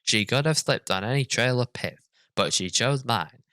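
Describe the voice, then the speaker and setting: A man's voice: mid-range voice, expressive, normal speed, pushed and bright, dry recording, pitched above the performer's own voice. A man voicing a self-pitying young writer who reads his own story in an earnest, overwrought way. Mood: gushing. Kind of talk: mocking dramatic reading.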